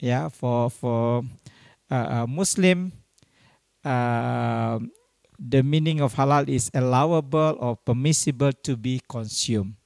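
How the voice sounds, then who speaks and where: A man's voice: medium pitch, vocal fry, darkish tone, no room sound, clean studio sound. A middle-aged man from Indonesia, giving an academic lecture as guest speaker and often tagging his points with "yeah". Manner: unhurried, tags points with "yeah".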